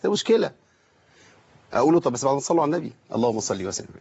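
A man with an Egyptian accent teaching Quran recitation, patiently explaining and slowly drawing out sounds to demonstrate them. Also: medium pitch, very animated, gravelly, darkish tone, breathy edge. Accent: Egyptian Arabic. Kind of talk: correcting a student's recitation. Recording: dull lo-fi recording.

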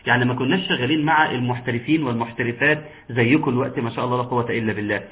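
A man with an Egyptian Arabic accent teaching an online Quran recitation lesson, patiently explaining and slowly modeling sounds for his students. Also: medium pitch. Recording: tinny phone-like line.

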